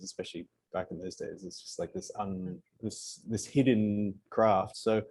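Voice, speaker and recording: On an online panel, a middle-aged man from New Zealand with a husky, fairly low voice tells the story of his career as a colorist. He keeps it casual, joking and poking fun at himself.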